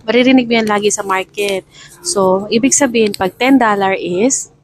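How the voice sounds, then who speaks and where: Chatty Filipina vlogger teaching phrases. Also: female voice, medium pitch, moderate pace, slight background noise, poor audio. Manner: chatty, laughs at her own confusion, mimics market vendors' calls. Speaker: vlogger explaining travel phrases. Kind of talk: casual explanatory chat.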